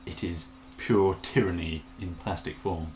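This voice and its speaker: A man chatting enthusiastically in a casual show-and-tell vlog, with bursts of excitement. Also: low voice, measured pace, echoey room, a little hiss or hum. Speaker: toy collector vlogger.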